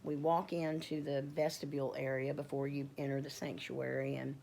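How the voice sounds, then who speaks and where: A woman's voice: a bass voice, level tone, moderate pace, gravelly, darkish tone, slight background noise. A middle-aged woman telling a personal faith story in a rambling, heartfelt way, often correcting herself. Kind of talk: casual personal testimony.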